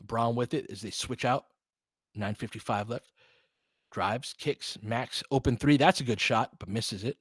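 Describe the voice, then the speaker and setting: Speaking at normal speed in a husky, mid-range voice, a man gives casual fan play-by-play of a basketball game. He mixes calls of the action with chatty, opinionated analysis and shouts coaching to the players, and the recording is dry.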